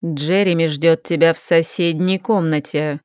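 A woman voicing a cold, menacing middle-aged male mage who talks in a slow, commanding way. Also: low-pitched, steady tone, darkish tone, smooth, dry recording, clean studio sound, voice pushed down.

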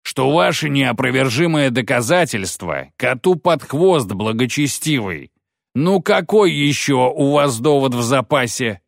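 A man's voice: mid-range voice, expressive, a little slow, gravelly, dry recording, studio quality, voice pushed up. A man voicing a dwarf who speaks in a cool, mocking way. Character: dry, sardonic male dwarf.

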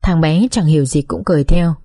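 A woman narrating an emotional first-person story in a soft, heartfelt way. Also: sits low, fairly quick. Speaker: audiobook narrator.

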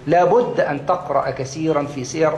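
Speaking quickly in a somewhat high, slightly mellow voice, a man with an Egyptian Arabic accent teaches a class a religious lesson as an Islamic studies lecturer. Key words get repeated for emphasis, and he poses questions only to answer them himself. The room echoes, and faint background noise can be heard.

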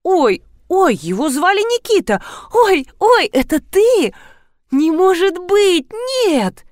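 Woman doing an emotional adult woman, storybook, breathless exclaiming, very high, dry sound. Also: big pitch swings, unhurried, dry recording. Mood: overjoyed. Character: tearful, excitable adult woman. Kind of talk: audiobook reading.

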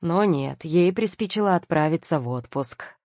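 A woman's voice: sits low, expressive, normal speed, darkish tone, no echo, studio quality. A woman reading the lines of a scheming, mocking male nobleman in an audiobook, in a coolly sneering, self-justifying manner.

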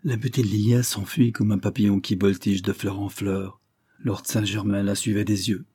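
A man narrating a classic novel with measured, even delivery. His voice is low-pitched, mellow and slightly husky, recorded close on a dry mic with no room echo. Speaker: audiobook narrator. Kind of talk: literary audiobook narration.

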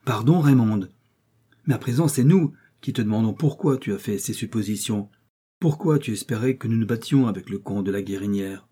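A man's voice: lowish voice, normal speed, dark tone, husky. A man voicing an anxious young man from a storybook who presses urgently with questions. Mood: pressing.

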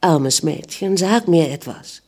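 A woman's voice: low-pitched, slow, darkish tone. A woman reading aloud voices a loving young prince who calls anxiously for his wife and then soothes her. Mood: tender.

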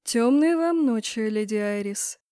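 A woman voicing a cold, appraising middle-aged emperor who speaks slowly and flatly. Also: on the high side, no echo, studio quality.

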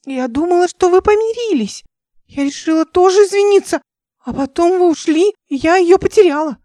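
A woman reading an audiobook voices a hysterical young woman who shrieks and sobs in a high, strained voice. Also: lively intonation, moderate pace, no echo, clean studio sound. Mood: distraught. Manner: shrill, tearful, shouting.

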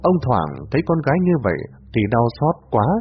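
A man narrating a dramatic story in a lively, expressive way. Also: medium pitch, fast talker, slight background noise. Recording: dull lo-fi audio.

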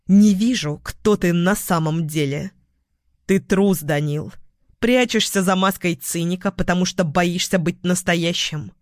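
A man's voice: sits high, a little slow, dry recording, clean studio sound. A man reading the lines of a cold, composed young woman psychologist who answers in a cutting, level way.

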